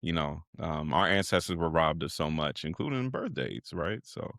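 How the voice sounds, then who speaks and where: A man in his thirties, a professor guest on a podcast, laughing and joking about himself in halting, filler-filled talk. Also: extremely low pitch, lively intonation, fairly bright tone, no echo, clean studio sound. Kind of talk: casual interview chat.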